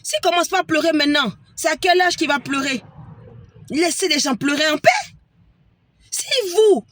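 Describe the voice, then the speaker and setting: A woman's voice: high voice, moderate pace, a bit bright. A woman telling a story in an indignant rant, often stumbling over repeated words. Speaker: vlogger.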